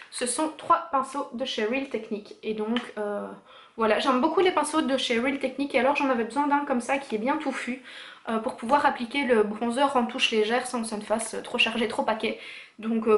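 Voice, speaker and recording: A chatty woman with a fairly high voice presents a casual beauty haul, brimming with enthusiasm and sprinkling fillers as she goes. She speaks into a camera mic in a room at home. The room gives her voice a noticeable echo. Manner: chatty and enthusiastic, full of "voilà" and "euh". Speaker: beauty vlogger. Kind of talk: casual make-up haul vlog. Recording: echoey room.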